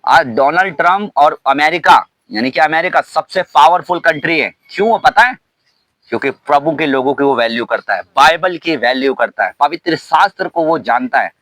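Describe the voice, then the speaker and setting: A man pastor preaching a sermon, shouting hallelujah often and asking the congregation questions. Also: a little high, no echo, rough recording. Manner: preaching with frequent hallelujahs and call-and-response questions.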